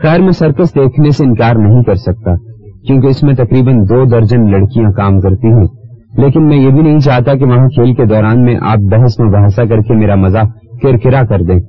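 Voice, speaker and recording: A man's voice: medium pitch, lo-fi sound, lightly acted. A man voicing a witty, lazy young male sidekick who grumbles and banters in an audiobook reading, over faint music. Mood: reluctant.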